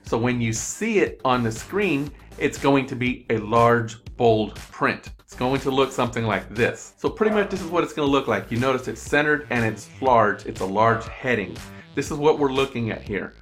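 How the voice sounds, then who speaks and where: A man's voice: medium pitch, animated, normal speed, fairly bright tone, faint music behind. Man walking through a screen tutorial. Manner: step-by-step, repetitive explaining. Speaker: online tutorial presenter. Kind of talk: screen-recorded tutorial walkthrough. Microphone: USB desk microphone.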